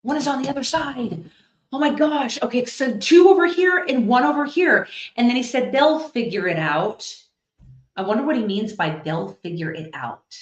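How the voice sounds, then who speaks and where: A woman working as a psychic medium, giving a live reading to an audience and thinking out loud as she passes on messages. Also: high voice, expressive, moderate pace. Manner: chatty, thinks out loud while relaying messages. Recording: echoey, slightly dull recording.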